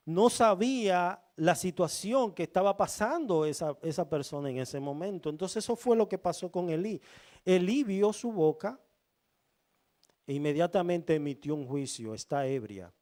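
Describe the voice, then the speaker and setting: A male pastor delivering a sermon at an unhurried, measured pace. His voice sits a little high for a man, yet it sounds mellow and warm, and he keeps drawing the listeners in with rhetorical questions. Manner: slow, deliberate preaching with rhetorical questions to the congregation.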